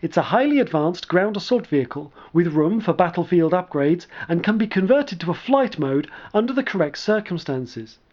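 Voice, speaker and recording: A man's voice: sits high, expressive, normal speed, hardly any pauses, darkish tone. A man voicing a young, nervous male army lieutenant who speaks politely and hesitantly, eager to please, in a dull lo-fi recording. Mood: earnest.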